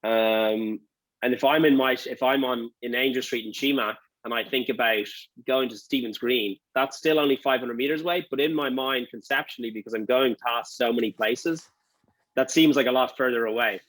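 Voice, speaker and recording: A man's voice: medium pitch, fairly even intonation, moderate pace, fairly bright tone, no room sound, low-quality recording. A man with a Dublin accent giving casual interview answers, rambling as he thinks aloud. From Dublin, Ireland. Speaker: interview guest, restaurant owner.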